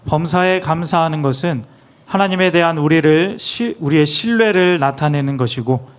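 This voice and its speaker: A man's voice: on the high side, moderate pace. A man interpreting a sermon phrase by phrase, earnest and plain, with small restarts.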